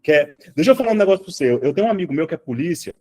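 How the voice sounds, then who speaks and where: A man teaching an online spiritual class from home, swinging from hushed remarks to loud outbursts and swearing freely. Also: on the high side, big pitch swings, racing.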